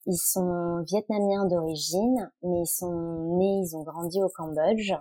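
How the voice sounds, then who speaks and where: A woman from France, a guest on a podcast. Her pitch is slightly low, and she speaks haltingly, full of pauses and restarts. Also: steady tone, mellow, no echo. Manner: halting, many fillers and restarts. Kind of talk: podcast interview.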